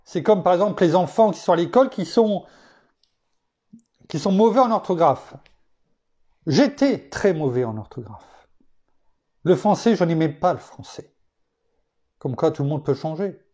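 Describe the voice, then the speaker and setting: A man from France preaching a sermon, teaching reflectively with personal anecdotes and rising emphatically in pitch to stress his points. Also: lively intonation, moderate pace, pauses often, dark tone, muffled recording.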